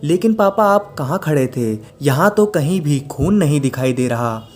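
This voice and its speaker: A man's voice: a little high, expressive, moderate pace, darkish tone, soft background music, lightly acted. A man doing a curious young boy. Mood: puzzled. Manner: questioning.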